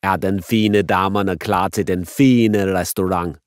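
A man voicing a playful dad pretending to be a fancy foreign chef waiter, speaking slow and grand in a storybook. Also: low voice, steady tone, clean tone, dry recording, clean studio sound, close to an everyday voice. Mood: pompous. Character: fake Italian chef waiter, a goofing dad.

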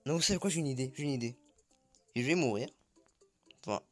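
A young man giving jittery, excitable commentary while playing a horror game, swearing when startled. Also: medium pitch, a little fast. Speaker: gaming YouTuber. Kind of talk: live gameplay commentary.

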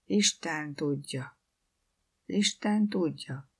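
Hushed, low, dread-filled servant woman, voiced by a woman narrator. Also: slightly rough. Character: frightened grown woman servant, hushed, fatalistic.

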